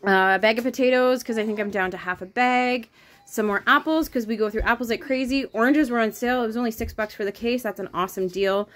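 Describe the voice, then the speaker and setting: A woman from Canada in her thirties, her voice a little high, fast and fairly bright, chats her way through a grocery haul video. Recorded on a close phone camera in her home kitchen, she rambles with frequent ums and makes asides to her kids.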